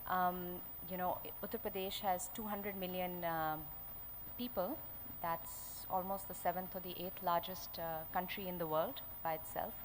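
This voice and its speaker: A woman with an educated, upper-class Indian accent gives a conference keynote in a halting way, pausing often as she goes. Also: fairly low pitch, fairly even intonation. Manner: hesitant, halting delivery with frequent pauses. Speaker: keynote speaker. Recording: background noise, live event ambience.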